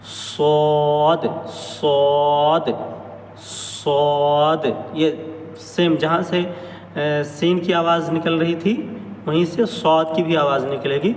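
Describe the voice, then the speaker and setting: A man teaching a pronunciation lesson on Arabic letters, drawing out each sound slowly and carefully. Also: on the high side. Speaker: Quran recitation teacher. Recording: echoey hall, mic at a distance, faint noise.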